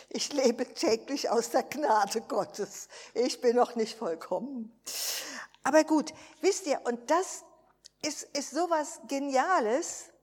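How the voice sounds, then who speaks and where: A woman's voice: sits high, long reverb tail. A woman preacher giving an emphatic sermon, often asking her listeners for assent.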